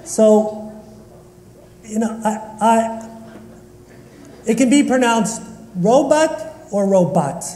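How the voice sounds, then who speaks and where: A man's voice: high voice, steady tone, slow pace, pauses often, mellow, slight background noise. A man from Northeast Philadelphia giving a sermon as a rabbi, joking and bantering with his congregation in a synagogue sanctuary. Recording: echoey hall reverb.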